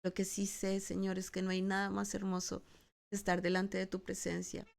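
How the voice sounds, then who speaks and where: A woman's voice: medium pitch, completely flat delivery, normal speed, gravelly. A woman pastor with a Colombian Spanish accent, giving an emotional devotional sermon that ends in prayer. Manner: emotional, breaks into tearful acted cries.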